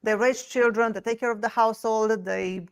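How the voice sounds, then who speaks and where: A woman's voice: a little high, steady tone, normal speed, smooth. A woman from Romania, a guest on an interview show, telling her story in an open, chatty way. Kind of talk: casual interview.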